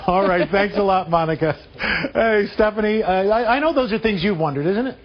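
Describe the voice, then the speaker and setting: High-voiced joking male TV host. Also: brisk. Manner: playful, teasing, laughs often. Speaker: morning show host. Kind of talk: joking morning TV banter and weather readout. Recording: dull lo-fi TV broadcast audio.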